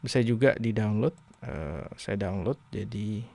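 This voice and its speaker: List: male teacher from Indonesia, casual lesson, gravelly voice, dry close sound. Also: fairly low pitch, a little mellow, no echo. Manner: chatty, many fillers, reads English lines slowly then translates. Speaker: English teacher.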